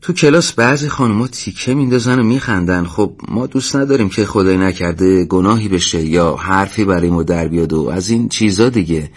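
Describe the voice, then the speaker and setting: A man's voice: low voice, few pauses, breathy edge. A man voicing an earnest young male volunteer who pleads in a raised voice. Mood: pleading.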